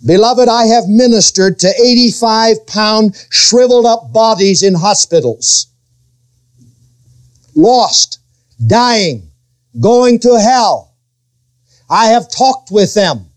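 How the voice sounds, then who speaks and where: A middle-aged pastor preaches with a rather high voice for a man. He swings his pitch up and down and stretches out key words for weight. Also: animated, slow pace, pauses often. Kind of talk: sermon.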